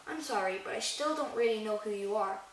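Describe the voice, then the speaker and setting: A woman's voice: medium pitch, a little fast, roomy sound, far from the mic, slight background noise, natural voice, low-quality recording. A woman voicing a puzzled, polite young boy from a storybook, hesitant and curious. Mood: apologetic.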